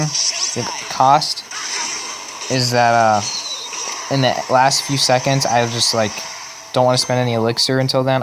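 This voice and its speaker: Young male gaming host, casual self-correcting play-by-play, voice going hoarse, noisy home recording. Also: medium pitch. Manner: rambling, self-correcting, chatty. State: losing his voice. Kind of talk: casual gameplay commentary.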